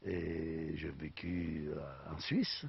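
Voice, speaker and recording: A man's voice: very deep voice, fairly even intonation, drawn-out words, creaky, slight background noise. An older man from Sicily speaking French with an Italian accent, earnestly searching for words as he explains his olive oil. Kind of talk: interview conversation. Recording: dull lo-fi TV recording.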